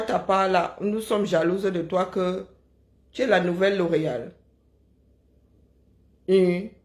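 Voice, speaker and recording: A middle-aged woman from Kribi, Cameroon chats casually on a live stream, her lowish voice a little mellow. She answers viewers with teasing sarcasm and often ends sentences with "hein?".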